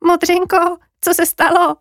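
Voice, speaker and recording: A woman voicing a gentle, kind female sheep in a children's story. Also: very high voice, level tone, no room sound, clean studio sound, voice pushed up.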